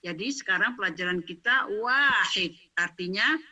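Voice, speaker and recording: A woman teaching young children, speaking slowly and drawing out words so they can repeat them. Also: mid-range voice, expressive, sharp tone, recorded from a distance, lo-fi sound. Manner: slow, drawn-out, clear enunciation for pupils to repeat. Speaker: Arabic teacher.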